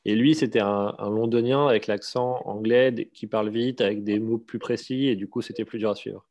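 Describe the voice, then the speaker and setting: A man's voice: fairly low pitch, steady tone, a little fast, a little mellow. A man interviewing a guest informally, asking probing questions with fillers and restarts. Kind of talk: casual conversational interview.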